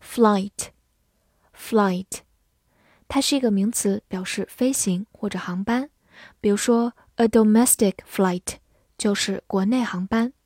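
A woman teaching English vocabulary in a scripted lesson. She spells words letter by letter and reads example sentences slowly. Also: mid-range voice, darkish tone, dry recording, clean studio sound.

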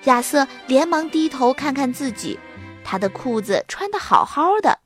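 A woman telling a children's story with lively swings in pitch and a fairly high voice. Her delivery is expressive and animated, with soft music playing beneath. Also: normal speed.

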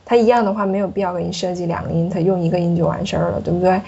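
Woman, low husky voice, patient French pronunciation teacher, dull lo-fi sound. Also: steady tone, rapid-fire, mellow. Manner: patient, explanatory, demonstrates sounds. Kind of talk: pronunciation lesson.

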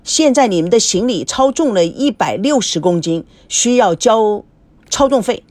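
A woman's voice: lively intonation, normal speed, darkish tone, no echo, close to an everyday voice. A woman voicing a nosy, show-off young man who butts in and chatters eagerly. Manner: eager, chattering, high-pitched.

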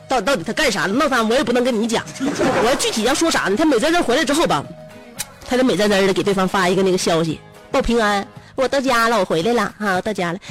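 Lively Northeastern woman radio host. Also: fairly high pitch. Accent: Northeastern Mandarin. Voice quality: chatty, laughs often, teasing. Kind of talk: casual radio storytelling.

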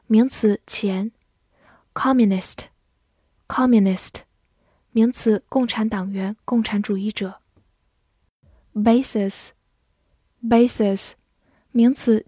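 A woman teacher with a fairly high, mellow voice runs a vocabulary drill at a very slow, deliberate pace. She says each word twice, then lists its meanings calmly, and the sound is close and dry. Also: no room sound. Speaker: English teacher.

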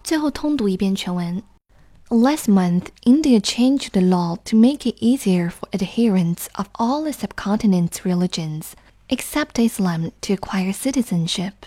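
Mellow-voiced woman tutoring English reading. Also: medium pitch, expressive, no echo, clean studio sound. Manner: careful, reads English passages aloud slowly. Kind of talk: explanatory close-reading lesson.

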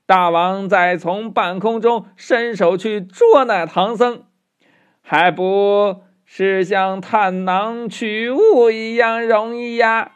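A man's voice: high voice, fairly even intonation, clean tone, lo-fi sound, voice pushed up. A man voicing a sly, scheming small male demon minion in a children's storybook, drawing out each word. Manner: slow, sly, drawn-out.

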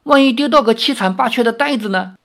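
A man voicing a cheeky young male swordsman who is easily startled, asking quick, incredulous questions in an audiobook reading. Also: very high-pitched, creaky, pitched above the performer's own voice.

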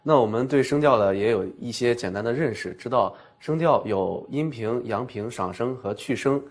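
A man co-presenting a pronunciation lesson, asking questions and summarizing points in a measured way. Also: medium pitch, lively intonation. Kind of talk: scripted teaching dialogue.

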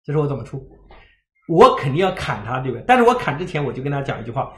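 Male lecturer, lively storyteller with a wide-ranging voice, recorded in a roomy space. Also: mid-range voice, rapid-fire. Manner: lively storytelling, acts out dialogue. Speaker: parenting lecturer. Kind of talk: livestream parenting lecture.

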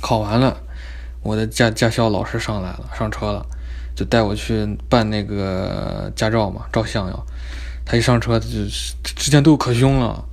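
A young man telling a story in an animated, comic, chatty way. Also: lowish voice, normal speed, gravelly. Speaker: vlogger. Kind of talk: casual storytelling.

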